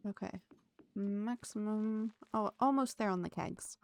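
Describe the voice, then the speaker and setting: A woman's voice: medium pitch, measured pace, dry recording. A woman streaming a farming game, chatting casually to her viewers and her pets with jokey asides. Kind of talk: casual gameplay commentary.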